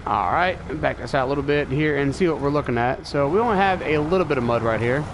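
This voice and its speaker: This man's voice is a little high and fast, with an allergy-stuffed nose. He thinks aloud in casual live commentary while streaming a truck-driving game, and the game engine and truck noise come through clearly behind him.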